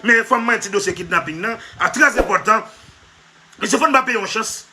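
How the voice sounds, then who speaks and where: A man's voice: high-pitched, fairly quick, over loud music. A man giving a comic monologue, emphatic and repetitive, often half-laughing as he talks. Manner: emphatic, repetitive, keeps addressing "monsieur". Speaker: comedy vlogger.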